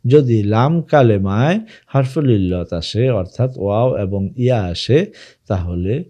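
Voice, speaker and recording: A man teaching an Arabic grammar lesson, slowly reciting verb forms one by one and telling the students to pay close attention. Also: fairly low pitch, expressive, dark tone, muffled recording. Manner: addresses students directly, asking them to pay close attention.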